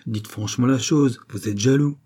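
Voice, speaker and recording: A man reading an audiobook, voicing a proud, wounded queen who speaks with sharp irony and rising fury. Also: mid-range voice, moderate pace, husky, natural voice. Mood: biting.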